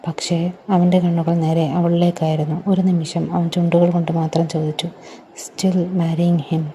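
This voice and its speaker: A woman narrating a romantic drama story in an even, measured way. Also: lowish voice, a little hiss or hum.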